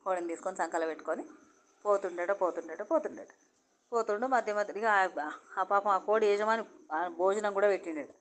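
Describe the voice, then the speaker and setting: A woman's voice: medium pitch, a little fast. A woman with a Telangana accent telling a folk tale in a conversational, repetitive way. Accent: Telangana Telugu. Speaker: storyteller.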